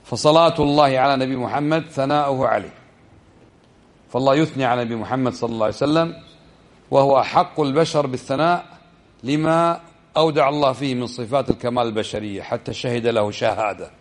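A man giving a religious lesson, explaining step by step and checking the listeners with quick questions, slowing down over quoted verses. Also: mid-range voice. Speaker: religious teacher.

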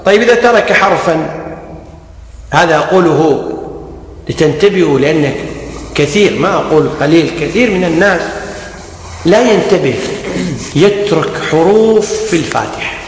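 A man teaching an Islamic jurisprudence lesson, correcting mistakes emphatically and reciting verses slowly in a chanting tone. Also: on the high side, expressive, slight background noise. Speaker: religious teacher. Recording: echoey hall.

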